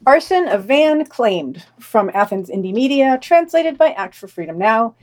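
Female podcast co-host, reads news roundup, animated pitch, wry throwaway jokes. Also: normal speed. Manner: wry, offhand jokes after reading items. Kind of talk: reading a weekly news roundup with commentary.

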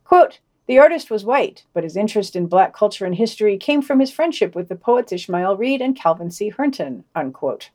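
Female podcast co-host, reads news roundup, animated pitch, wry throwaway jokes. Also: fairly quick, hardly any pauses. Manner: wry, offhand jokes after reading items. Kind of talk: reading a weekly news roundup with commentary.

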